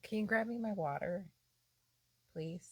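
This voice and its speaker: A woman's voice: mid-range voice, unhurried, darkish tone, breathy edge, dry recording. A woman co-hosting a casual home podcast, chatting and teasing her husband in a rambling way. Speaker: podcast co-host. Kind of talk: casual couple banter. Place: at home on a Sunday.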